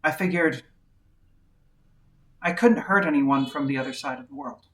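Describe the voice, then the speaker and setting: Reflective personal narration, woman, quiet measured delivery, candid tone, frequent pauses. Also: low voice. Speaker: video essayist.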